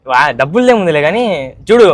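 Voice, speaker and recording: A man's voice: high-pitched, big pitch swings, quick pace. A young man narrating a casual vlog, chatty and teasing as he talks straight to viewers. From Andhra Pradesh, India. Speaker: vlogger.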